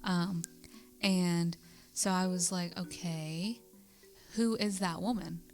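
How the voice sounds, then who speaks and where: A woman's voice: lowish voice, fairly even intonation, slow pace, a little mellow, faint music behind. A young woman co-hosting a podcast, telling a rambling story in casual chat, with lots of "like" and frequent giggles. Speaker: podcast co-host.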